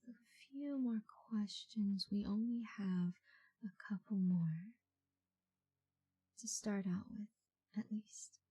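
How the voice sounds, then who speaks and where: Female for ASMR role-play as a patient call center agent: very mellow, dark, breathy ASMR delivery, reassuring and slow. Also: medium pitch, fairly even intonation. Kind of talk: soft ASMR.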